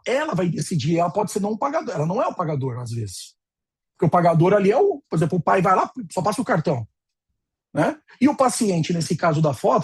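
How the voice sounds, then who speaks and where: This dental practice consultant is a Brazilian man in his 40s whose high, slightly mellow voice has a breathy edge and a Brazilian Portuguese accent. In his conversational webinar lecture he frequently checks in with listeners through tag questions and draws on personal anecdotes.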